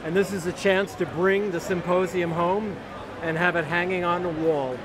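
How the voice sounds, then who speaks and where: A man's voice: sits high, steady tone, moderate pace. A man in his fifties hosting a casual live walkaround in a big exhibition hall, talking upbeat and chatty into a phone camera held at arm's length. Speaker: livestream host. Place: large busy indoor exhibition hall. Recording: loud crowd noise around.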